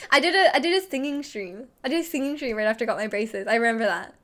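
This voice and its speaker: Her voice runs fast, on the high side and a bit bright, as this streamer reads through chat. She has a slight lisp and rambles casually, packing in plenty of "like."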